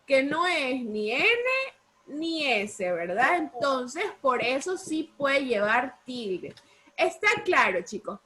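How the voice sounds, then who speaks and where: Slow, high-voiced teacher. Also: female voice, animated, pushed and bright, slight background noise. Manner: patient, repetitive, checks understanding with questions. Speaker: primary school teacher. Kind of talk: online class lesson.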